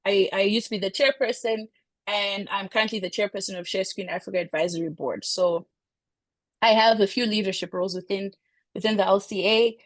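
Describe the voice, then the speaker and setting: A Zimbabwean woman in her thirties gives an informal talk in a conversational style, full of fillers and restarts. Her mid-range voice has fairly even intonation and a fairly quick pace, recorded dry.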